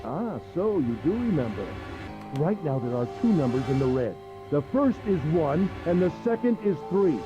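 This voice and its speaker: A woman's voice: sits low, very animated, normal speed, lo-fi sound, over music. A woman voicing a smug, cruel middle-aged man villain in a pompous, mocking way while reading a visual novel aloud.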